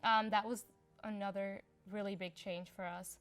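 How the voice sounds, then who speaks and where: A woman's voice: medium pitch, steady tone, normal speed, loud music behind the voice. Young woman in a casual interview. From Somalia. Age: young adult. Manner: chatty and unpolished, heavy on filler words. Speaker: interviewee in a community profile.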